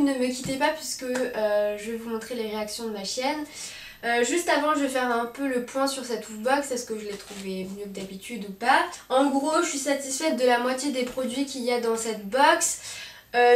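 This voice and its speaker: Casual woman vlogger, somewhat high voice, hesitant and filler-heavy; roomy echo. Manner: hesitant, with frequent "euh" fillers and restarts; speaks affectionately to her dog. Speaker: pet vlogger reviewing a dog subscription box. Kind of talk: casual unboxing chat to camera. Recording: roomy echo, mic at a distance, faint noise.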